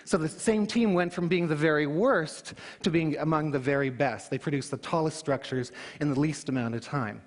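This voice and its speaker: A man giving a public talk, telling it in an animated way with emphatic rhetorical questions. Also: fairly high pitch, moderate pace. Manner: animated storytelling, emphatic question-and-answer delivery. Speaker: conference speaker. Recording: hall reverb.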